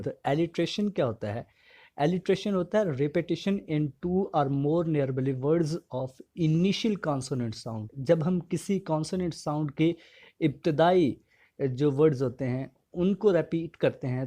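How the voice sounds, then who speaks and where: Mellow-voiced man teaching. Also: a little high. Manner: poses a question, then answers it plainly; steady, explanatory delivery. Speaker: English literature teacher. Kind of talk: exam-prep lecture.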